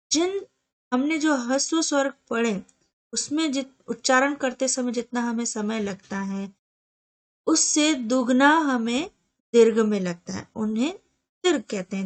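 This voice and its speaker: A woman teaching a grammar lesson, explaining slowly and sounding out examples letter by letter, often asking a question and answering it herself. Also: a little high. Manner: slow, deliberate explaining with spelled-out examples; asks the viewer questions and answers them herself.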